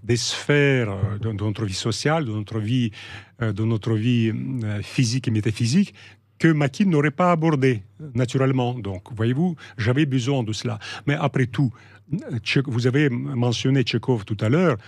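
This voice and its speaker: A middle-aged man from Russia with a Russian accent, talking in a measured, hesitant way with many pauses and restarts as an interview guest. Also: medium pitch, darkish tone, no room sound. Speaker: guest, novelist. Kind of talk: reflective interview talk.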